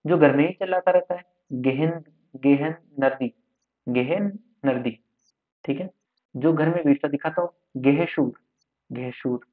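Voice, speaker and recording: A man's voice: on the high side, a little slow, long pauses. A slightly unwell man teaching an online exam-prep lesson, repeating each word to drill it. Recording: tinny phone-like sound.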